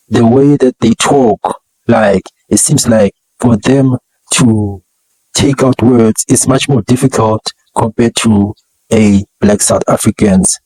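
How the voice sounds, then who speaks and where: A man explaining things deliberately. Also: mid-range voice, darkish tone, dry recording, rough recording.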